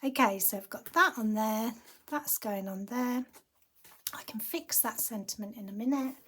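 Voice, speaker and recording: In a chatty, casual card-making tutorial, a woman with a croaky voice keeps murmuring half-whispered asides to herself as she works. Her pitch sits on the high side and slightly bright, and she speaks at a normal speed.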